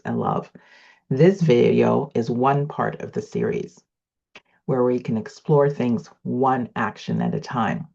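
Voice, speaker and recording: A middle-aged woman from Trinidad, an educator telling a personal story in an earnest, measured way, slowing down on key phrases. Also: a bass voice, gravelly, mellow. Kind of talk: reflective personal storytelling lesson. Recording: slightly dull lo-fi recording.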